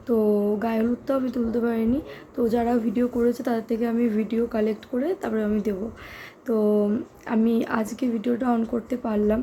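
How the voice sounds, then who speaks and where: A hoarse young woman with a sore throat, speaking softly in a casual vlog from her bedroom. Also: a little high, a little hiss or hum. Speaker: vlogger. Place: bedroom at home.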